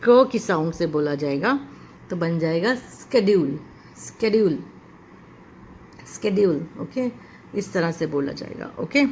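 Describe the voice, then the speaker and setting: A woman teacher with an Indian English accent walks through pronunciation slowly, saying each word again and again. Her voice sits a little low. Faint background noise runs under the classroom recording. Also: a little mellow, low-quality recording. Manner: slow, repeats each word several times. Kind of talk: pronunciation lesson in Hindi and English. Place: school classroom.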